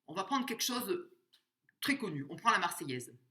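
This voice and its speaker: A woman giving a spoken music lesson, explaining slowly, singing short examples and counting out the beats. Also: medium pitch, sing-song, bright, forceful tone. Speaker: music teacher.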